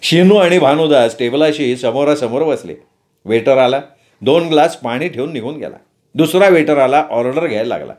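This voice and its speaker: A man's voice: medium pitch, animated, normal speed, darkish tone. A man narrating a story, with playful asides to the listeners.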